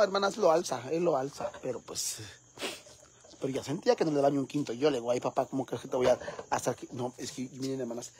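A man's voice: mid-range voice, darkish tone, slight background noise, close to an everyday voice. A man with a Mexican accent playing a brash, foul-mouthed middle-aged woman who gossips with her viewers in a comic vlog. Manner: crude, gossipy, addresses viewers as sisters.

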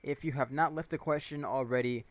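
A young man rambling casually over his gameplay as a gaming YouTuber, self-deprecating and excitable. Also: mid-range voice, a little fast. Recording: noisy with game gunfire. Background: game gunshots and clicks.

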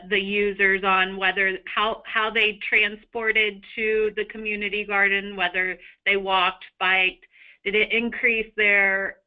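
Halting woman panelist on a call. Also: medium pitch. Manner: halting, with repeats and ums. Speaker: program panelist. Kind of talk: answering questions in a webinar. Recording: muffled web call audio.

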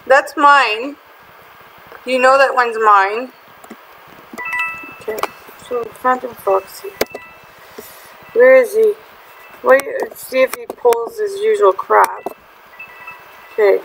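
A high-pitched woman talks through her gameplay in a chatty, excitable way, getting fed up with other players. A faint hiss and mouse clicks sit under her voice. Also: takes it slowly, vocal fry, long pauses, rough recording. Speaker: gaming video host. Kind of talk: casual gameplay commentary.

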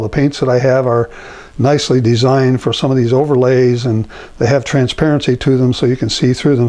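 An older man giving a relaxed, rambling painting demonstration at his easel, with many fillers, recorded on a lapel mic in a home studio. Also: mid-range voice. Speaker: painting instructor.

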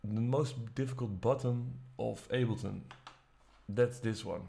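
Gravelly man explaining music software. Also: mid-range voice, measured pace. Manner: relaxed step-by-step explaining, casual. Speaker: music production teacher. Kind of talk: screen-recorded software tutorial. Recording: faint music playing behind. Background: faint music.

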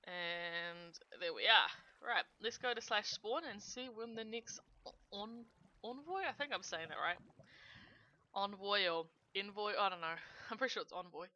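A woman's voice: medium pitch, normal speed, sharp tone, dry recording, dull audio. A woman giving chatty let's play commentary on her gameplay, giggling often and narrating each click. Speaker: gaming channel host.

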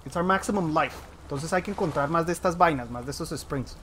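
A man with a Colombian accent doing let's play commentary, excitable and switching between Spanish and English, yelling at the game. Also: fairly high pitch, a little fast, a little hiss or hum. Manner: yells at the game. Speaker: gamer.

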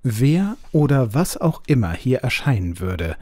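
Warm, expressive male story narrator. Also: medium pitch, dry recording, studio quality. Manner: measured, expressive reading. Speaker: audiobook narrator.

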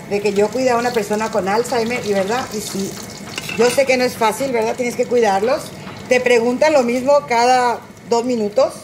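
A middle-aged woman with a Mexican Spanish accent chats on a phone livestream while she cooks in her kitchen, tipsy and high. She rambles through crude, joking stories in a voice pitched a little high. There is a faint hiss behind her. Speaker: cooking livestream host. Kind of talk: casual livestream chat while cooking.

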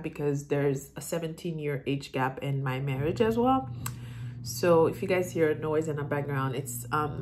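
Answering viewer questions from a room in her house, this middle-aged woman talks casually and muses out loud. Her deep, darkish voice has a slight hiss or hum, and her Haitian accent is touched by the Southern US, since she came to America as a child and was raised in Florida.

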